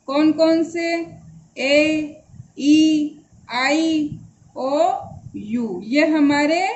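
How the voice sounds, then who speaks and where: A high-voiced woman teaches a grammar lesson at a slow, careful pace, repeating each point for her pupils. The recording is slightly dull, with a faint hiss behind her. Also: a little mellow.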